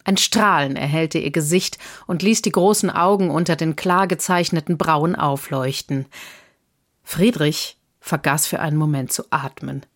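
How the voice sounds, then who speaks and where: A woman reads a novel aloud in a calm, measured storytelling voice. Her pitch sits low for a woman, giving the narration a grounded feel. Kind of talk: audiobook narration.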